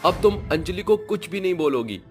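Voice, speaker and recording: A man voicing a kind, earnest young husband in a spoken storybook, raising his voice higher than his own. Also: lively intonation, measured pace, faint music behind. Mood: indignant. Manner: earnest, reassuring, firm when defending.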